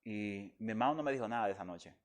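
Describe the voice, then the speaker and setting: A man's voice: fairly low pitch, animated, fast. A man from the Dominican Republic, speaking as a guest and giving an emotional personal testimony in an earnest, heartfelt way.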